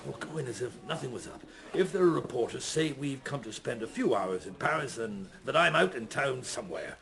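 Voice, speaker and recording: An actor playing a middle-aged French police inspector in a radio drama, courteous and musing, hesitant, trailing off in broken phrases. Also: male voice, medium pitch, animated, fairly quick, creaky, a bit bright. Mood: reassuring.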